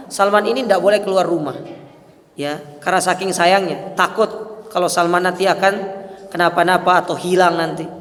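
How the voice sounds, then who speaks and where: A man with a high voice gives a religious study lecture. He reads Arabic lines aloud, then explains them in everyday speech, often adding "ya". His voice rings with a long echo, as if he is speaking in a hall. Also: fairly bright tone. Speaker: Islamic preacher. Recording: echoey hall.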